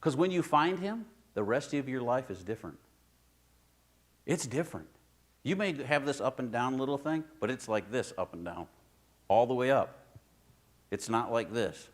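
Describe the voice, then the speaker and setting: A man preaching a sermon in his church in a conversational way, swinging between loud emphasis and quiet asides. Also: medium pitch, animated, normal speed, long pauses. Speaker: pastor.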